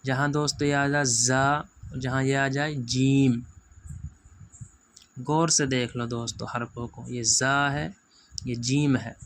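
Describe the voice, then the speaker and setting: Male teacher, flat even delivery, faint hiss behind, slow stretched-out letters. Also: medium pitch. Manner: patient, repetitive, drawn-out letter sounds, keeps saying "friends". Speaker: Quran reading teacher. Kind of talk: letter-by-letter pronunciation lesson.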